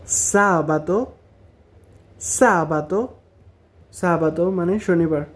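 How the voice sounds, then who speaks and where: A man teaching a language lesson, repeating each word slowly and breaking it into syllables. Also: a little high. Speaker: Italian teacher.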